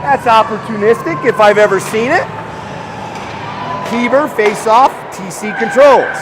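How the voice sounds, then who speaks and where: A man calling a hockey game live, excitable and chatty, shouting on scoring chances and joking with the listeners. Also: extremely high pitch, unhurried, crowd noise, noisy background. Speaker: play-by-play commentator.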